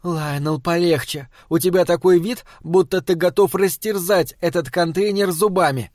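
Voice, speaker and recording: An anxious, devoted wife who keeps coaxing her husband to slow down, voiced by a male audiobook reader. Her lines come gently and pleadingly, set in a fairly high, dry, close-miked voice. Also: dry recording, natural voice. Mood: worried. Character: worried devoted wife, middle-aged woman.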